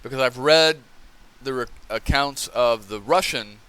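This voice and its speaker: A man's voice: medium pitch, a little slow, clear, resonant tone. A middle-aged man hosting a casual commentary monologue, often checking in with "okay?" and acting out scenes with a raised voice. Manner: conversational, keeps asking "okay?", acts out scenes loudly. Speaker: podcast host.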